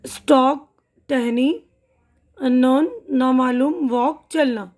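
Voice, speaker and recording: A woman with a high, steady, somewhat dark voice and a Pakistani Urdu accent teaches English vocabulary and pronunciation. She patiently reads word lists aloud, repeating each word slowly, and checks in with her students by asking "theek hai na".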